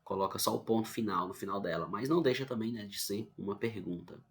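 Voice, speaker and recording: A man's voice: on the low side, quick pace. A male teacher with a Brazilian accent giving an online grammar lesson, explaining patiently and often checking in with his students. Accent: Brazilian Portuguese.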